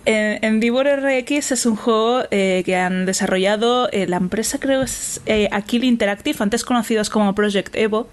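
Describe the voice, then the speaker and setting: A woman's voice: mid-range voice, moderate pace, hardly any pauses. A woman co-hosting a casual podcast, speaking with many fillers and restarts. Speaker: podcast co-host.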